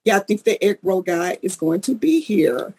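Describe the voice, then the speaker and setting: A woman with a slightly breathy, husky voice speaks as a guest on a community radio show. She talks in a relaxed, halting way, pausing with fillers as she gathers her thoughts. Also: medium pitch. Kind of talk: casual radio interview.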